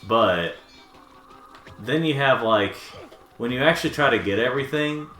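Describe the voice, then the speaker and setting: A man's voice: medium pitch, animated, normal speed, a bit bright, soft background music. A man chatting casually while playing a game, rambling with lots of fillers and restarts. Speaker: gaming co-host. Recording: echoey room with faint noise.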